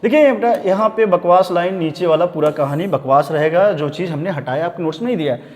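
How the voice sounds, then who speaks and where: A man with a high voice teaches biology for exam prep, speaking Hinglish. He keeps calling his students "beta" and tells them to pay attention. He reads textbook lines out slowly, then explains them at speed, and a long reverb hangs on his voice. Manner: addresses students as beta, repeats "dhyan denge".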